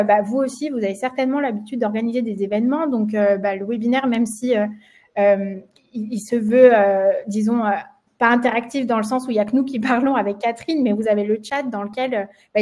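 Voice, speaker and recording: A woman's voice: on the high side, a little mellow. A woman with a French accent hosting a live webinar, with lots of fillers and restarts and a slight frog in her throat. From France. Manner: many fillers, hesitant restarts. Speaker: webinar host, marketing manager.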